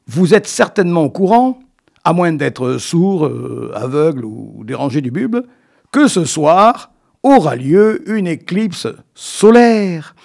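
A man's voice: fairly high pitch, creaky, darkish tone. A man in a radio studio delivering a comic radio chronicle in a playful, teasing, mock-solemn way. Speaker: radio columnist.

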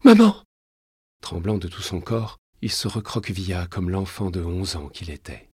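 Give me a man reading a novel aloud, husky voice, dead dry room. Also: deep voice, no echo. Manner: measured storytelling, dramatic. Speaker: narrator. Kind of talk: scripted narration of a historical novel.

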